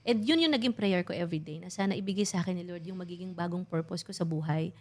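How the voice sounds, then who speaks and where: A woman's voice: lowish voice, fast. A woman in her thirties, a podcast guest, talking candidly and reflectively about family and loss, mixing Tagalog with English. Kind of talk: emotional casual chat.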